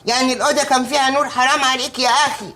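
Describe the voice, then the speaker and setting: A woman's voice: high-pitched, steady tone, rapid-fire, sharp tone. An actress playing a fretful woman in a sitcom who keeps complaining and pleading. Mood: whiny. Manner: whiny, complaining. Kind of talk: sitcom acting.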